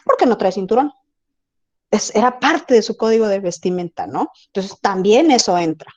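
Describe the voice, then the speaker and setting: A woman's voice: mid-range voice, animated, moderate pace, darkish tone, dull audio. A woman teaching an online class, chatty and often checking that her students follow. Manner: conversational, asks students if they follow. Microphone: video call.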